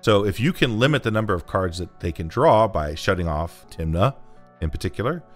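A man in his thirties, a podcast co-host on a video call from home, explaining strategy in a measured way and swearing casually. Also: on the low side, animated, faint music behind. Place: home room.

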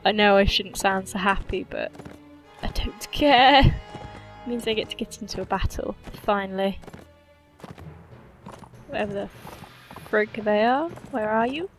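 A woman's voice: mid-range voice, a little slow, long pauses, faint music behind. A woman giving casual gameplay commentary, playful, cheerfully swearing and humming to herself. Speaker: gaming channel host.

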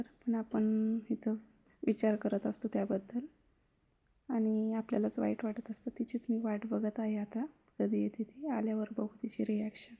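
A young woman vlogger narrating her daily routine in a soft-spoken, chatty, reflective way. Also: fairly high pitch, vocal fry. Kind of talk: casual daily vlog narration.

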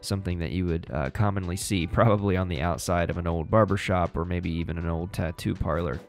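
A young man hosting a design tutorial, relaxed and upbeat, explaining each step casually into a studio mic. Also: low voice, brisk, gravelly, soft background music. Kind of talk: casual screen-recorded tutorial. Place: small home studio indoors. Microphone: studio mic on boom arm.

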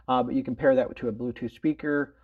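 The host of a prepping product review channel, a middle-aged man, runs a casual product demo in a room at home, rambling informally with plenty of verbal tags. His medium-pitched voice is brisk and steady, heard with phone-quality sound.

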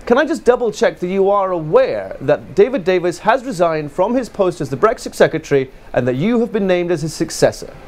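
A pompous TV news anchor, brisk and mock-serious. His voice sits high and swings lively up and down. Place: TV news studio.

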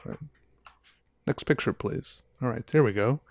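There's a breathy edge to this mid-range voice, which moves at a moderate pace. The speaker is a man in his thirties with a slightly sore throat, rambling and chatting casually on a livestream while reviewing viewer art and interrupting himself. He's using a headset boom mic in a small room.

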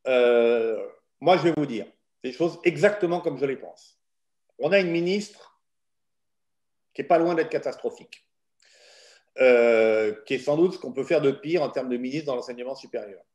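A man's voice: mid-range voice, normal speed, long pauses, lo-fi sound. A middle-aged man, a law professor and arbitrator, giving frank, opinionated answers to student questions in an online session. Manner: frank, opinionated, lively explanations.

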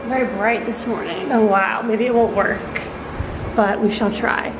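A young woman talks casually to her vlog camera in a high voice. Music plays behind her as she gives relaxed updates on her day. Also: a little slow, poor audio. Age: 20s. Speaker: vlogger. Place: holiday villa, mostly outdoors by pool and garden. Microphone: handheld camera at arm's length or propped nearby.

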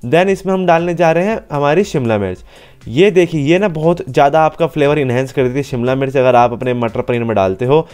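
A man's voice: fairly high pitch, a little fast, a little mellow, clean tone. A young man hosting a cooking channel, explaining each step in a chatty, step-by-step tutorial voice-over. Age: young adult.

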